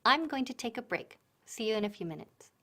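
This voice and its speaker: A woman's voice: fairly high pitch, animated, normal speed, bright, forceful tone. A woman teaching English to Spanish speakers, switching between the two languages and explaining step by step. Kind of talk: bilingual classroom-style lesson.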